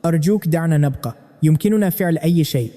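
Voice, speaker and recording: A man's voice: on the high side, fast talker, warm tone, close to an everyday voice. A man voicing a weak, humble elderly refugee woman who begs to be taken in. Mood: pleading. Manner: begging, humble. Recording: long hall reverb.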